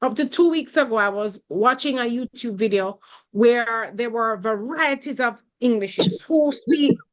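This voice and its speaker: A woman giving a webinar talk over a video call, deliberate and often repeating words as she finds her phrasing. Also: fairly high pitch, low-quality recording. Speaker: guest speaker. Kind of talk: webinar talk answering a question.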